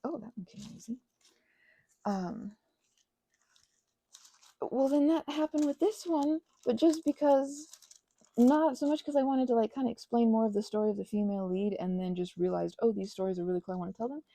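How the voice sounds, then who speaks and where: Her voice sits on the high side with a warm tone, moving at normal speed and pausing often. The speaker, a young woman running a craft and ASMR channel, rambles casually as she works on a craft, interrupting herself, gushing, poking fun at herself, and wandering off-topic.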